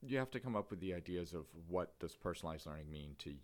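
A man's voice: low-pitched, lively intonation, fast, darkish tone. A man co-hosting an education podcast, chatting casually and rambling a little, often restarting his sentences. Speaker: podcast co-host.

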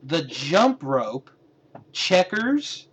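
Laid back guy cohosting a podcast, bouncy pitch, bit of hiss behind. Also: extremely slow, muffled recording. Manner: relaxed, hesitant, trails off with restarts. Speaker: podcast co-host. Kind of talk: casual chat.

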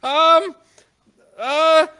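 A man's voice: fairly even intonation, drawn-out words, sharp tone, heavily acted. A man voicing a flustered, fussy, overly polite male desk clerk in a tabletop game. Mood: prissy polite. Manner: shrill, prissy politeness.

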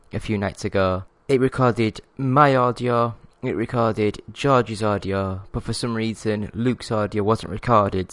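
A man with a Yorkshire accent hosting a casual gaming podcast, talking in a polite, measured way he picked up from years on the phone. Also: on the low side, fairly bright tone, dry recording. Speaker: podcast host.

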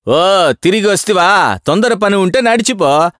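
A cranky railway ticket clerk barks at people in a rough village dialect, put on by a man reading aloud. His voice sits high and swings widely. The recording is close and dry. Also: lively intonation, slow pace, a bit bright, dry recording. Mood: scornful. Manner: scolding in a rustic dialect. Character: gruff irritable male ticket clerk.

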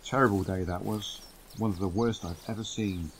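A man's voice: fairly low pitch, steady tone, moderate pace, a little hiss or hum, natural voice. A man playing a loyal, blunt, down-to-earth army sergeant in an audio drama. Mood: sombre. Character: loyal British army sergeant, plain-spoken, uneasy.

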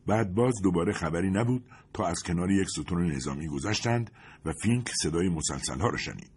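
A man reading a war novel aloud as a narrator, in a scripted, expressive storytelling delivery. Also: sits low, slightly rough. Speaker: audiobook narrator.

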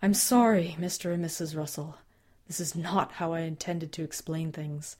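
A woman voicing a calm, formal male agent who speaks in a careful, deadpan way. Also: sits low, normal speed, slightly rough. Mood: measured.

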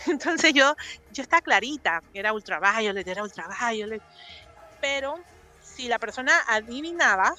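A woman's voice: a little high, normal speed, faint music behind. A woman from Panama with a Panamanian Spanish accent, a podcast guest telling stories in casual chat and acting out voices. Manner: animated, acts out voices in her stories.

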